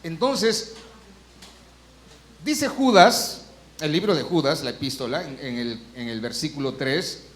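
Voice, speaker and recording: A man's voice: on the high side, lively intonation, slight background noise. A man, a pastor, preaching a sermon to his congregation, asking frequent rhetorical questions and acting out complaining voices. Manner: acts out complaining voices in quotes; slows down and rises on emphatic Bible quotations. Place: church.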